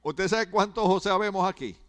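A male pastor preaches in a fairly high voice. He talks to his congregation casually, joking and stumbling over his words before pushing on. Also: a little fast, fairly bright tone. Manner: conversational, humorous preaching with stammered restarts. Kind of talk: sermon.

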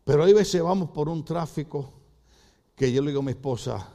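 In a church sermon, an older Puerto Rican man tells animated, comic stories and acts out the characters' voices. His voice is on the high side and his pace moderate.

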